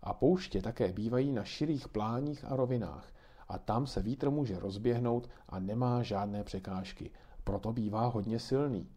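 A man's voice: fairly low pitch, slightly rough. A man voicing patient kindly grandmother. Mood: patiently explaining. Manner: patient, gently explaining. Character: kindly grandmother explaining weather to children.

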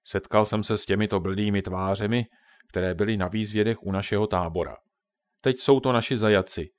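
Storybook villain-ish chief, read by a man: big, gruff, loud, scolding. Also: no echo, studio quality, lightly acted. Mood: gruff, stern. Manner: booming, stern and threatening. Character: huge bearlike man, gruff angry camp chief.

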